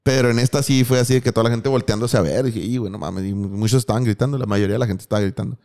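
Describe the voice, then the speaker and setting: A man's voice: mid-range voice, steady tone, very fast, darkish tone. A young man with a Mexican accent, telling a crude, slang-filled story in casual chat. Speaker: podcast co-host.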